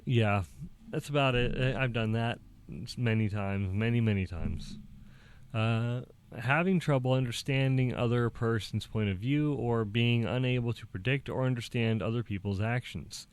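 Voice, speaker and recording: Halting, soft-spoken man vlogging. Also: mid-range voice, clean tone. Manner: halting, repeats and restarts, laughs lightly; acts out quoted dialogue in a raised voice. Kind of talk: casual talk to camera.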